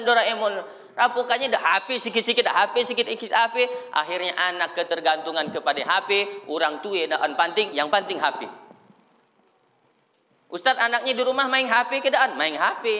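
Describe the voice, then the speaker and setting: A man preaching a lively sermon, acting out crying children and fussing parents. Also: high-pitched, long reverb tail. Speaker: Islamic preacher.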